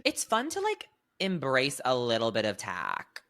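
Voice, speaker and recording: A young man in his twenties co-hosts a casual podcast in a podcast studio. His voice is bright and ringing, and it leaps around with a lively, animated swing. He tells stories with an expressive, laughing energy. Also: medium pitch, measured pace. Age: 20s. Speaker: podcast co-host. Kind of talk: casual chat.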